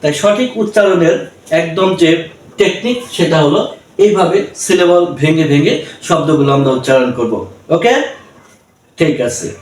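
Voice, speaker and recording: A man with a Bangladeshi accent teaching English pronunciation, slowly and patiently spelling out each syllable and repeating it. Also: fairly high pitch. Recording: echoey room, voice from a distance.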